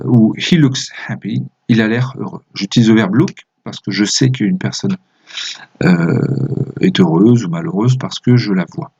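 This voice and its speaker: A man teaching an English lesson to pupils, explaining each point patiently with frequent fillers and reading example sentences slowly. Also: lowish voice, a little mellow, husky, muffled recording. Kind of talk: recorded remote lesson.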